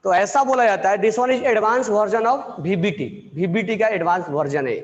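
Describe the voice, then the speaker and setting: Man, high voice, teacher dictating notes, repeats himself, quizzes class, long reverb. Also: dull audio, a little hiss or hum. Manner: dictates slowly, repeats phrases, quizzes students. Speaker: chemistry teacher.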